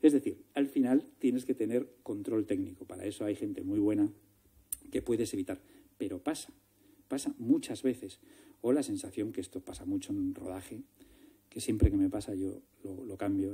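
Spanish man, film director, storytelling talk, dark low voice, acts out dialogue. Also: breathy edge. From Galicia, Spain. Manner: lively storytelling, acting out dialogue with quick voices. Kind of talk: public talk with anecdotes.

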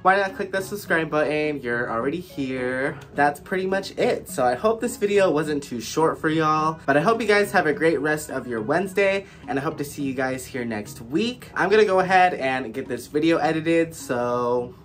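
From an indoor room with plants, a plant vlogger in his twenties talks through a chatty, upbeat voice-over tour of garden plants, congested and nasal with a cold. His fairly high, fairly bright voice is animated, moving at a moderate pace with few pauses.

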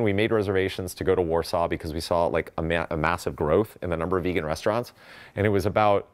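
A man with a very low, deep voice gives a chatty slide talk at a festival. He speaks with eager enthusiasm and often stumbles into fillers and restarts. He is picked up by a stage microphone. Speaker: conference speaker. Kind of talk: casual presentation talk with slides.

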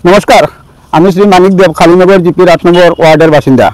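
Crisp-voiced man, formal brisk statement. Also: high-pitched, rough recording. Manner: formal, measured wording with bookish phrasing. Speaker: local resident giving a statement.

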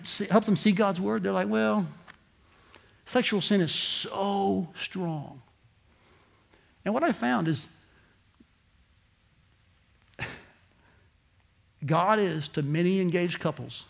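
A male pastor preaching a direct sermon in a church, moving between quiet asides and shouted emphasis. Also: sits high, animated, normal speed, gravelly, long pauses. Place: church sanctuary.

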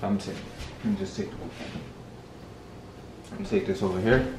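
This is a young man co-hosting a home cooking vlog, his voice on the low side and his pace moderate. His talk is relaxed and slangy. The recording comes from an echoey indoor kitchen full of loud frying and stirring sounds.

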